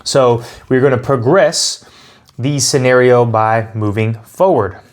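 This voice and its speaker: A man with a mid-pitched voice hosts a casual card game playthrough. He explains each step as he goes and reasons out his choices aloud. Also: slow pace. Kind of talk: casual tabletop game walkthrough.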